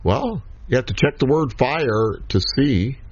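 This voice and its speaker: A man teaching a Bible study lecture, slow and deliberate, pausing between short phrases as he explains scripture. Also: mid-range voice, expressive, husky, dry recording. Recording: dull lo-fi recording.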